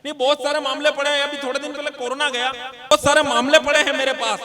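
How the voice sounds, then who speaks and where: A man's voice: very high voice, little pitch movement, quick pace, bright, forceful tone. A man performing as a comic poet on stage, telling folksy stories and acting out the people in them. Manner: folksy, playful, acts out quoted characters. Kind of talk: live comic storytelling on stage. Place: live stage before audience.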